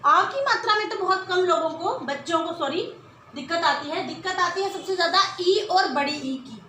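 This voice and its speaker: A woman teaching a children's Hindi lesson, patiently explaining and stretching syllables slowly when she sounds out words. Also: very high voice, lively intonation, sharp tone, echoey room, a little hiss or hum. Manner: patient explaining, frequent rhetorical questions.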